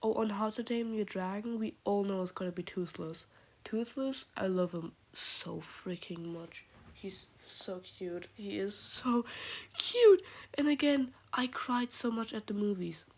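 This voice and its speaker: A woman who is sick and keeps her voice quiet, rambling and gushing about favorite characters in a casual vlog, often dropping into a half-whisper. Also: mid-range voice, measured pace. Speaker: vlogger. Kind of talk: casual fandom chat.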